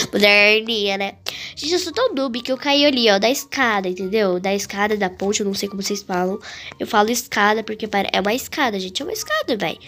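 A woman with a Brazilian Portuguese accent giving chatty, excitable gameplay commentary full of slang. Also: fairly high pitch. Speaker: gaming YouTuber.

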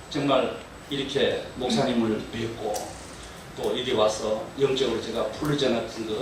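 Man in his sixties, echoey hall. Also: mid-range voice. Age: 60s. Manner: earnest, chuckling, lively storytelling. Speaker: deacon giving a testimony. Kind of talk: church testimony. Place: church training hall. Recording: echoey hall from far off with noise.

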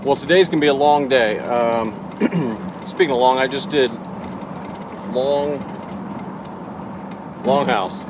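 A man's voice: mid-range voice, slow pace, pauses often, background noise. A man in his forties vlogging to a dashboard camera from inside his camper van, talking loosely and correcting himself as he goes. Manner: loose and rambling, self-correcting. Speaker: travel vlogger. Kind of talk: casual vlog to camera. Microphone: camera on the dashboard at arm's length.

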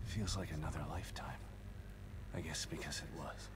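An actor playing a weary former police detective in a video game, with a gruff, bold heroic delivery and an American accent. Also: male voice, a bass voice, fairly even intonation, normal speed. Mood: musing, weary. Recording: game audio under clear background noise.

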